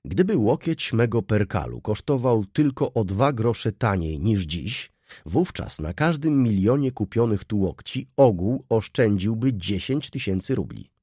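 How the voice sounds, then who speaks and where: A man reading a businesslike merchant, measured, lively pitch, dry sound, audiobook. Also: slightly rough, dry recording, exaggerated voice. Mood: assured.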